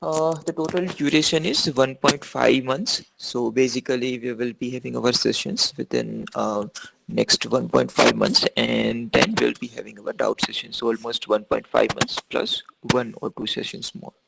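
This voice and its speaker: Man, instructor, very creaky, average pitch, halting with fillers, online class call. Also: fairly even intonation, background noise. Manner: hesitant, many fillers and restarts. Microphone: video call.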